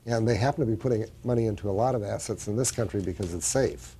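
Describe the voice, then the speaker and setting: A man's voice: fairly low pitch, fast, warm tone, slight background noise. A man speaking as a guest author in a studio discussion, explaining at length with frequent restarts.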